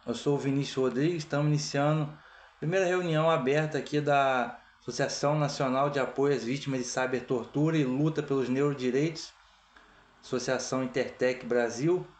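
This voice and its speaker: A Brazilian man presiding over an association meeting, opening it in a measured, formal way with frequent "tá?" tags. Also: mid-range voice, fairly even intonation, darkish tone. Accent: Brazilian Portuguese. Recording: echoey room.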